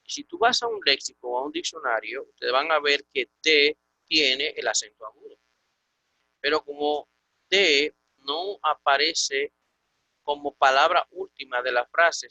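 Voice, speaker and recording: A man teaching a Greek class over a video call, explaining patiently and repeating words slowly. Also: on the high side, pushed and bright, no echo, muffled recording. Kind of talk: online class lesson.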